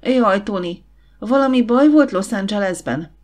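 A woman voicing a confident, warm young woman who runs a catering business, in an audiobook. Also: mid-range voice, expressive, natural voice. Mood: warm brisk. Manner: brisk, encouraging.

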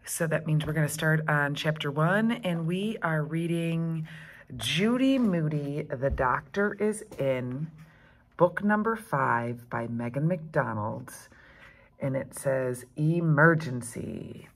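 A woman reading a children's chapter book aloud as a teacher, expressive and engaging. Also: sits low. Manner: expressive, slow and animated.

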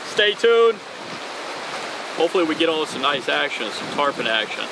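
A little high and sing-song, with a gravelly edge, this man's voice moves at a moderate pace. He's a thirty-something fishing channel host on a bridge over open water, tying knots while chatting in an upbeat, casual way, with wind and waves in the outdoor recording.

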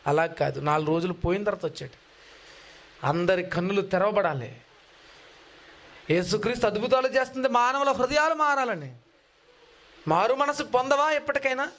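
A man preaching a sermon, retelling Bible stories in an animated way and acting out the voices he quotes. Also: high voice, a little fast, long pauses. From India.

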